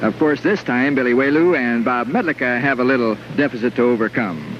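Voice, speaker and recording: A man calling live bowling play-by-play, excitedly repeating phrases as the action peaks, on an old television broadcast. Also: mid-range voice, a little fast. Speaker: bowling commentator. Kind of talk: live sports play-by-play commentary. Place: bowling alley. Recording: noisy dull vintage 1950s TV broadcast.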